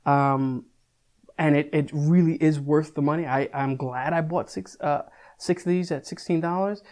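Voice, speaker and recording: A man's voice: fairly high pitch, steady tone, normal speed, a little mellow. Chatty young man reviewing beer. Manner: chatty, loose, swears casually, lots of restarts. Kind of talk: casual video review.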